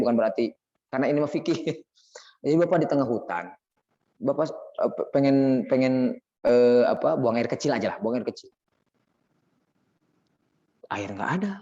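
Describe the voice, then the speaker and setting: A man preaches in a mosque, his voice leaping high when he acts out the people in his stories. The recording sounds dull and lo-fi. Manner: lively storytelling, acting out dialogue with big pitch jumps. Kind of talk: mosque study lecture.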